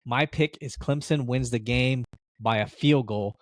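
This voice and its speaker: A man's voice: mid-range voice, measured pace, no room sound, studio quality. A man co-hosting a sports podcast, talking in a chatty, storytelling way and laughing easily. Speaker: podcast co-host. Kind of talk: casual sports chat.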